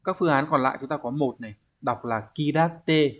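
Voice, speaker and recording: A man's voice: mid-range voice, fast talker, fairly bright tone, slightly rough. A man teaching an online exam-prep language lesson, explaining step by step and posing rhetorical questions to his students.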